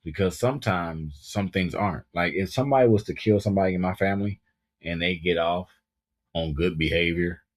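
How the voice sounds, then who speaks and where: Man, thirties, podcast co-host, deep voice, loose chatty delivery with repeated words. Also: a little fast. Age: 30s. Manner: animated, repeats words while gathering thoughts. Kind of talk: casual podcast chat.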